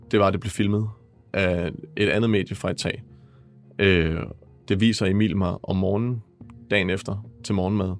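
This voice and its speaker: Low gravelly-voiced male photographer. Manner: halting, vivid retelling. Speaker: press photographer. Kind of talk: interview storytelling.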